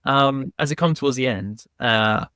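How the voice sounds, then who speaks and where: A man's voice: mid-range voice, normal speed, sharp tone, no echo, clean studio sound. A man hosting a podcast who asks his guest questions in an easygoing, conversational way. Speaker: podcast host. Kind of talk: podcast interview.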